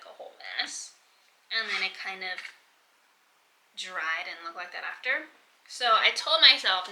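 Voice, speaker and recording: Young woman vlogger, slow and animated, lively pitch, nail-painting storytime, echoey home room. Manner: chatty, lots of "like" fillers, thinking aloud, drifting into soft whispers. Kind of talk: casual storytime chat while doing her nails. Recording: roomy echo, faint background noise.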